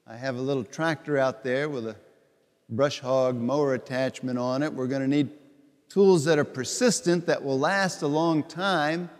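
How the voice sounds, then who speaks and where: A middle-aged man, a bishop, giving a homily at Mass in a slow, deliberate, conversational way with repeated phrases. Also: mid-range voice. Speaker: bishop preaching. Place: large church sanctuary before the altar. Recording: long church reverb.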